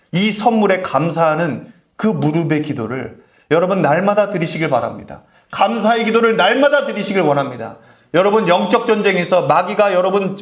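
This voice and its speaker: A man preaching a sermon as pastor, calling out to the congregation and asking for amens. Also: high voice. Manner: call-and-response preaching, repeated "amen?". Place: church sanctuary. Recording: echoey church hall.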